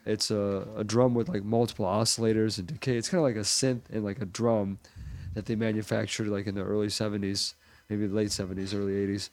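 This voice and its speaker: A man's voice: lowish voice, little pitch movement, brisk, darkish tone, no echo. A man chatting as a drummer guest in a restaurant, rambling with lots of fillers. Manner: rambling, lots of "like" and "you know". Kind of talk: casual interview chat.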